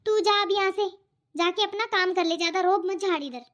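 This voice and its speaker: A woman's voice: extremely high pitch, a little fast, fairly bright tone. A woman voicing a nagging, harsh middle-aged mother-in-law in a cartoon, talking in a taunting, scolding way. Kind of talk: cartoon voice acting. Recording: dull lo-fi audio.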